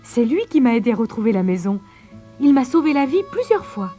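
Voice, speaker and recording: A woman's voice: a little high, big pitch swings, a little fast, dark tone, soft background music, pitched above the performer's own voice. A woman voicing a brave little girl who loves animals, eager and pleading.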